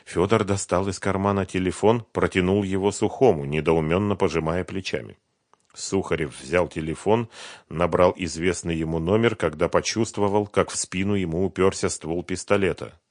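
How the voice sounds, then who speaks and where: Male narrator, very low voice, steady storytelling, dry close recording. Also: moderate pace, dry recording. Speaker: audiobook narrator. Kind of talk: scripted narration.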